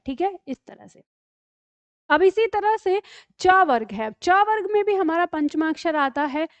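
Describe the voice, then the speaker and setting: Woman, high voice, patient teacher drilling Hindi syllables for an online class; dry, close recording. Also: no room sound, muffled recording. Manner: patient, repeats each syllable twice, frequent "theek hai". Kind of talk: online lesson, reciting syllables.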